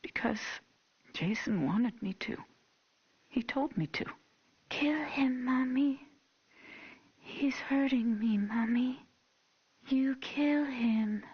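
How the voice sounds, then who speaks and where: An unhinged, vengeful American mother in a dramatic horror game. Her voice is husky and curt, heavy with grief and menace. It comes through a dull, muffled old tape. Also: fairly high pitch, takes it slowly, long pauses, full character voice. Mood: haunted. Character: unhinged, grieving, vengeful mother of a lost boy. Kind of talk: dramatic game voice acting as a taped police interview.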